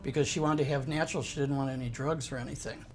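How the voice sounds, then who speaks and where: A man in his forties speaks gently and from the heart in a casual interview, with a gravelly fry in his voice. Soft music plays faintly behind him. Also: mid-range voice, fairly even intonation, fast talker. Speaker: interviewee, co-parent. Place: living room, sitting in an armchair.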